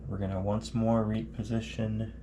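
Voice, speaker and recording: Stuffed up from a cold, a man walks through his radio setup in a casual, step-by-step tutorial, frequently asking "okay?" as he goes. His lowish, nasal voice has little pitch movement and a normal speed, captured by a camera on a handheld tripod amid background noise.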